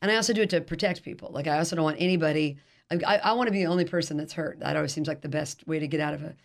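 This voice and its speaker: A middle-aged woman in conversation, rushing through her thoughts at a rapid clip. She rambles and restarts, and she often laughs at herself. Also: sits low, creaky. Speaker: author guest. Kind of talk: casual interview chat.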